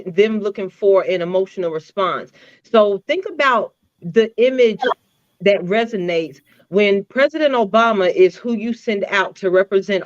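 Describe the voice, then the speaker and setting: A woman co-hosting a casual political discussion show, laying out her arguments in a deliberate, opinionated way. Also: medium pitch, no room sound, highs cut off. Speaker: podcast co-host.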